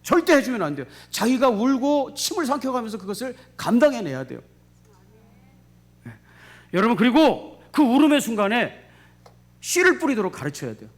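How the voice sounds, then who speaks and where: A man's voice: extremely high pitch, sing-song, normal speed, pauses often. A middle-aged male pastor preaching a sermon, emphatic, repeating key phrases and asking the congregation rhetorical questions.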